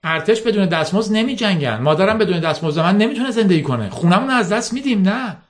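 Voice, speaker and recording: Male reader doing a fierce teen girl, high and strained, audiobook. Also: expressive. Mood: desperate. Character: teenage girl gamer, fierce and upset. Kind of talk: audiobook reading.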